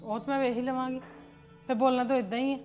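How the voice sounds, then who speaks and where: A woman's voice: high voice, fairly even intonation, fast talker, a little mellow, faint music behind, close to an everyday voice. A woman playing a chatty, defensive elder sister-in-law in a family drama.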